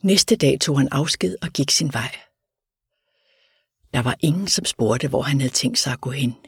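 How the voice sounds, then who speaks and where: A man calmly reading a story as scripted narration. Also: medium pitch, gravelly, breathy edge, no room sound, clean studio sound. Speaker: audiobook reader.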